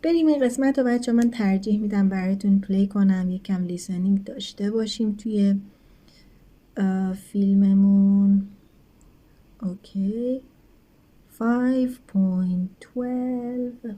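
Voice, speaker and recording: Woman english teacher, mellow low-bright tone, quick explanations, slow careful example words. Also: fairly even intonation. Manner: addresses students as kids, asks rhetorical checks. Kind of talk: recorded textbook grammar lesson.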